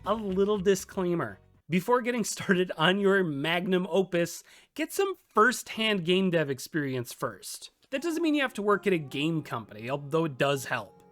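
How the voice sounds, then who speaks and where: A man with a high, fairly bright voice narrates a scripted game development tutorial as its host. He adds playful, emphatic asides over background music.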